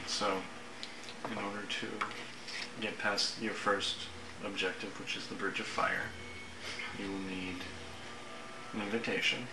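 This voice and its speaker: Low-voiced man in an echoey, noisy room. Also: little pitch movement, measured pace, pauses often, distant mic. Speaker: game master. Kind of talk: narrating a tabletop game. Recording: echoey room with loud noise.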